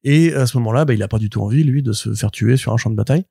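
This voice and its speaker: A man co-hosting a comics podcast, retelling a plot in an animated, rambling way full of fillers and restarts. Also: medium pitch, rapid-fire, gravelly, husky, no room sound, studio quality. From France. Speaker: podcast co-host, comics reviewer. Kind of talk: casual podcast chat.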